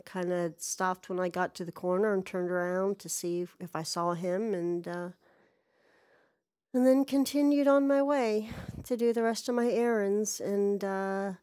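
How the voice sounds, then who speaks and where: A woman's voice: lowish voice, a little mellow, smooth. A woman casually telling a personal story, rambling and exasperated, swearing freely.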